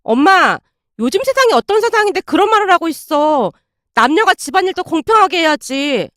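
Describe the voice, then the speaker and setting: Woman voices a defensive young wife, high-pitched and dry, shrill protests. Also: very animated, brisk, fairly bright tone, no echo, exaggerated voice. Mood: indignant. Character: self-centered young married wife, defensive.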